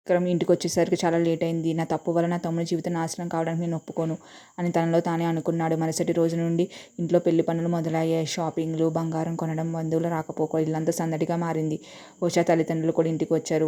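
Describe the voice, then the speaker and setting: A woman's voice: deep voice, dark tone. A woman reading a romantic drama story aloud as narrator, speaking all the characters' lines in her own voice.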